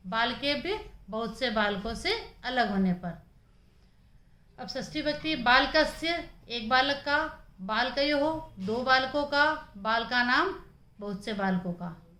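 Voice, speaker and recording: A woman's voice: high-pitched, bright, forceful tone. A woman teacher explaining grammar patiently and reciting word forms in a sing-song list. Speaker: Sanskrit teacher. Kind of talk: classroom lesson recital. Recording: echoey room.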